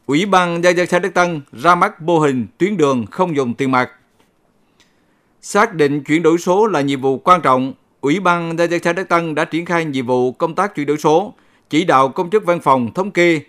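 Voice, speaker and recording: A man with a somewhat high-pitched voice presents local radio news. He reads from a script in a formal announcer's style, keeping his delivery measured and orderly. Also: a bit bright.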